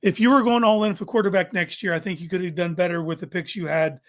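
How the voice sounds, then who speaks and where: High-pitched man debating sports casually. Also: steady tone, fast. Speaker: sports talk show host.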